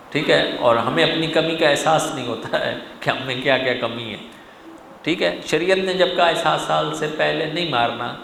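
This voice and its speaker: Man giving an animated lecture in an echoey hall. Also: on the high side, vocal fry. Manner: animated, addresses the audience directly with frequent rhetorical questions. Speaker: religious lecturer. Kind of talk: sermon-style parenting lecture. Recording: echoey hall with faint room noise.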